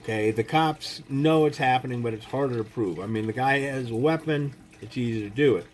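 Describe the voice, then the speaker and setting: A man's voice: medium pitch, a little fast, slight background noise. A man giving a casual spoken lesson on self-defense, talking bluntly with frequent "you know" and "okay?" and swearing casually. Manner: acts out quoted speech.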